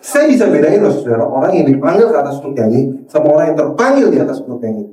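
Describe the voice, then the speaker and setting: A man preaching a lively sermon, mixing in English phrases and acting out quoted dialogue with sudden high-pitched jumps. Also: quick pace. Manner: mixes English phrases into Indonesian, addresses the crowd as saudara. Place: church hall. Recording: echoey church hall from far off.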